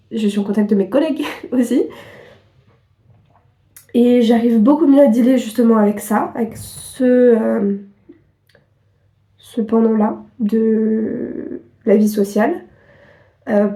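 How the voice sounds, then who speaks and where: Young woman vlogger with a cold, mellow and a bit high, rambling and self-deprecating, recorded in a reverberant room. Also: steady tone, a little slow, long pauses. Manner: chatty, self-mocking, many fillers and laughs. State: sniffly with a cold. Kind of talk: casual chat to camera. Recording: echoey room.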